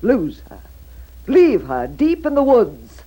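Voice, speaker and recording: A woman's voice: fairly high pitch, wildly swooping pitch, slow pace, dark tone, breathy edge, exaggerated voice. A woman voicing a proud, vain and jealous wicked queen who speaks in a haughty, commanding, theatrical way in a storybook record. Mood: commanding, cold.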